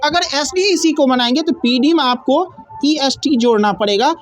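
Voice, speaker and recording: Woman, high voice, grammar teacher, step-by-step explaining, answers her own questions. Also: moderate pace, faint music behind. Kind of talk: grammar lesson.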